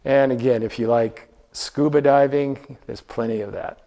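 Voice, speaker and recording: A man's voice: medium pitch, steady tone, moderate pace, gravelly, mellow. A man presenting a slideshow travel talk to a live audience, conversational, asking the room questions and often restarting his sentences.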